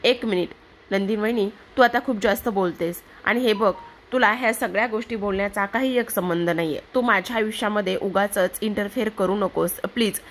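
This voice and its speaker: A woman's voice: mid-range voice, fairly quick, lightly acted. Woman narrator doing a hot-tempered young college guy, snapping, defensive. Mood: angry.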